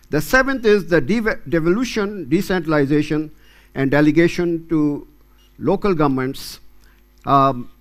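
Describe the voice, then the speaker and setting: An older man, a conference panelist giving a presentation on development lessons and stressing key words deliberately. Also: mid-range voice.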